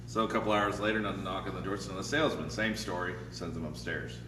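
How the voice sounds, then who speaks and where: A man co-hosting a comedy show, telling old-school jokes in a relaxed, low-key way. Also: fast talker. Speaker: comedy podcast co-host. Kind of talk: casual banter, joke-telling. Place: comedy club. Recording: echoey room from far off, hiss.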